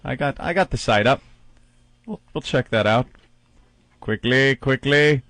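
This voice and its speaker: A man's voice: medium pitch, measured pace, fairly bright tone, no room sound. A man with an American accent bantering casually as co-host of a comedy radio show.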